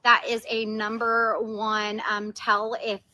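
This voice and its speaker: A woman's voice: a little high, completely flat delivery, slow pace, sharp tone, no room sound. A woman from a school staff explaining politely and hesitantly, with fillers.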